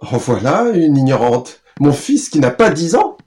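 Man as shifty pompous lawyer, comic radio play, swooping pitch, slow theatrical delivery. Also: very animated, a little mellow. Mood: cocky. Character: evasive, pompous lawyer dodging debts, comically indignant.

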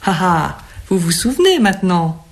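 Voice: mid-range voice, sing-song, normal speed. A reader voicing a suave, hungry middle-aged man who coaxes and commands in turn. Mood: coaxing. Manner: coaxing, imperious.

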